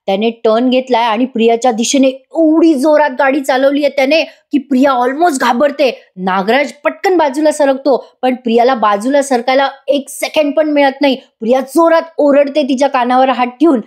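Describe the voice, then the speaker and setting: A woman's voice: high-pitched, normal speed, few pauses, darkish tone. A woman giving an enthusiastic voice-over review of a TV serial episode, retelling the scenes and talking directly to her viewers.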